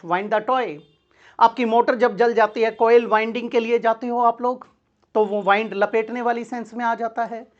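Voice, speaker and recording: A woman's voice: fairly high pitch, highs cut off. A woman teaching an English grammar lesson for exam preparation, asking her class questions and answering them herself, calling her students "beta".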